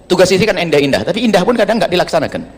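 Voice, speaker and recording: A man's voice: high-pitched, rapid-fire, slightly rough. Preaching man in a reverberant hall. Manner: humorous, teasing, lively preaching. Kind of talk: sermon. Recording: long reverb of a large hall.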